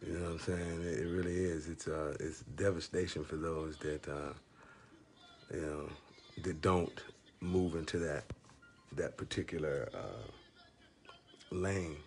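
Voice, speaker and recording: A man with a very low, deep voice talks about faith to one listener in a loose, unscripted way. He stops and restarts his sentences and leans on "you know" over and over. He uses plain street-flavored phrasing and chuckles through his stories. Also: steady tone. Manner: rambling and halting, with constant "you know" fillers. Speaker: speaker giving spiritual encouragement. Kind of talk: casual faith talk addressed to one listener.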